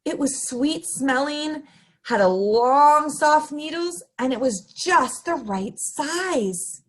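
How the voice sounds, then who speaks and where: A woman hosts story time, reading a picture book aloud to young children in an exaggerated, sing-song, interactive style. Her voice sits high and is animated, with a slow pace.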